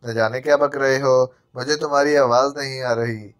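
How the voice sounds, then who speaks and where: A man's voice: medium pitch, steady tone, lightly acted. A male narrator voicing a stern, impatient young woman who scolds sharply. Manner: scolding, brusque.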